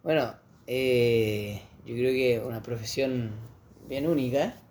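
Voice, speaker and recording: A man's voice: medium pitch, slow, a little mellow, a little hiss or hum. Joking Chilean man, slangy banter. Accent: Chilean Spanish. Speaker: podcast co-host. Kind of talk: casual chat.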